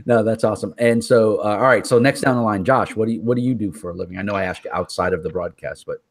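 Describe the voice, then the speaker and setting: Low husky man, joking host. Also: fast, few pauses. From Texas. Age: 50s. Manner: joking, teasing, laughs often. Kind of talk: casual interview chat.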